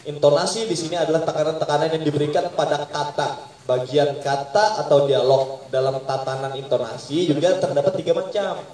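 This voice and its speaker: A man's voice: on the high side, fairly even intonation, fairly quick, a little mellow. A man leading an informal poetry reading workshop, quizzing the group in call-and-response. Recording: echoey room, mic far off.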